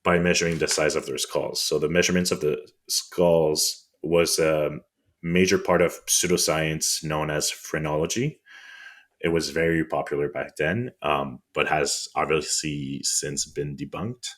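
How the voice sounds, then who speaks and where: A man's voice: a bass voice, fairly even intonation, unhurried, a bit bright. A man with a French accent, co-hosting a podcast and telling history in a conversational way with wry, indignant asides. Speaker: podcast co-host.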